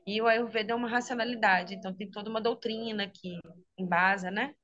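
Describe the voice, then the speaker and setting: The recording is muffled, and the woman's voice sits on the high side, with fairly even intonation, a slightly fast pace, and a fairly bright tone. Speaking with a Minas Gerais Brazilian Portuguese accent, she explains her work as a speech therapist and health teacher in a casual video-call interview, often tacking on "né?" and laughing easily.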